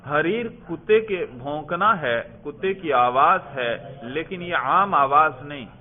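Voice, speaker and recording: A man's voice: a little high, expressive. A male teacher giving a classroom grammar lesson, explaining patiently, repeating key words and quizzing his students. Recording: tinny phone-like audio.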